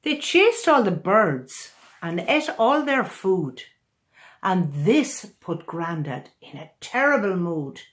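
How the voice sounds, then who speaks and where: With a fairly low-pitched voice, an older woman in her sixties shares her own children's picture book as a storybook read-aloud. She's in a small room at home, and she reads with animation, expression, and deliberate storytelling.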